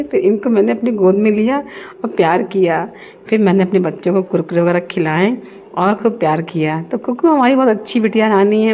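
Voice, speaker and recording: A middle-aged woman tells the story of her family's day in a chatty, homely way. Her voice is mellow and warm. A faint hiss sits under the recording. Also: mid-range voice, highs cut off. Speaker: family vlogger. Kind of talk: voice-over narrating a family day vlog.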